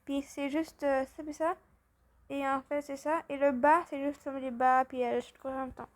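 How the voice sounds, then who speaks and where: A woman chatting through gameplay commentary, rambling and excitable, a little tired from just waking up. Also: sits high, normal speed. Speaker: gaming channel host.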